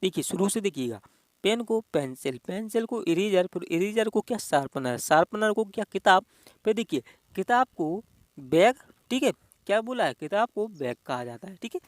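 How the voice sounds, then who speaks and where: A man with a high-pitched voice walks students through an exam-prep reasoning lesson. He talks in a coaxing, repetitive way and keeps checking that the viewers follow along. The sound is dry and close. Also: animated, moderate pace, no room sound. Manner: repetitive, coaxing, addresses viewers as dear friends. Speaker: teacher.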